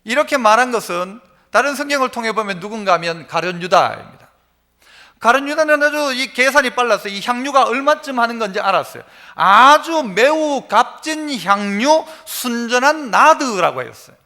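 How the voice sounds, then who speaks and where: Male pastor, sermon, very high voice, rhetorical questions to the congregation. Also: lively intonation, normal speed, pushed and bright. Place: church sanctuary.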